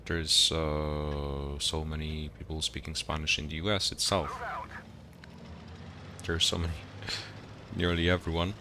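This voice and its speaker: A young Polish university student, whose first language is Polish, streams games and chats casually with viewers, greeting them and thinking aloud as he searches for words. His Polish-accented bass voice is measured, sharp-toned and fairly level in pitch, with game music and slight background noise behind.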